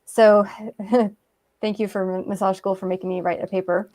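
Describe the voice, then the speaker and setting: A woman's voice: mid-range voice, flat delivery, moderate pace, a little mellow. A woman guest, an author, telling her story in a casual interview, chatty with many fillers and acted-out quotes.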